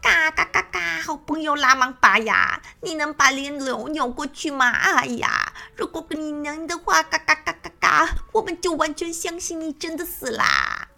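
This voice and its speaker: A woman's voice: high voice, normal speed, creaky, hardly any pauses, sharp tone, pitched above the performer's own voice, heavily acted. A woman voicing a sly mother guinea fowl in a children's audio story, squawking between her words. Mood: teasing.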